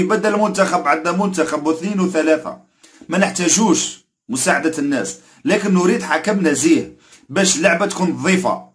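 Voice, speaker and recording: A man's voice: high-pitched, fairly bright tone. A man speaking with an Algerian Arabic accent, giving an emphatic football opinion rant to camera. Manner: emphatic, repetitive, indignant warnings. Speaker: football commentator.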